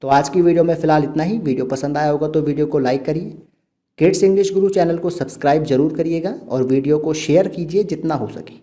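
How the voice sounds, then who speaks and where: A man teaching pronunciation to children, patiently repeating each word slowly. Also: on the high side, warm tone. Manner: patient, repeats words slowly to model sounds. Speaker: English teacher. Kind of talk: explaining pronunciation to kids.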